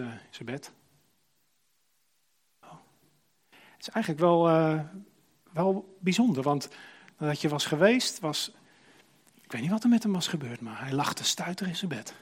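A man preaching, retelling a story and acting out the people in it, swinging from hushed to emphatic. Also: a little high, slightly rough. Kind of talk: sermon storytelling.

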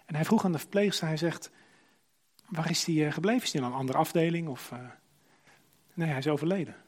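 Male preacher, husky and fairly high, tells a story in a sermon and voices its people. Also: fairly quick. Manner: retells a story, acting out the quoted speakers.

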